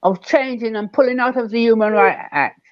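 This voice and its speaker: An older man from Barbados, speaking as a guest elder in an online panel discussion, measured and emphatic, repeating key words. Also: extremely high pitch, no room sound, lo-fi sound.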